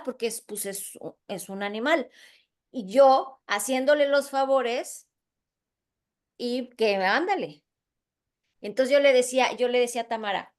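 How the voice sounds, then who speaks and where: A middle-aged woman, an instructor telling an anecdote to her class, acting out the dialogue as she goes. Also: fairly high pitch. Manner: animated, acts out the dialogue. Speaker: course instructor. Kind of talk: lively storytelling in a class.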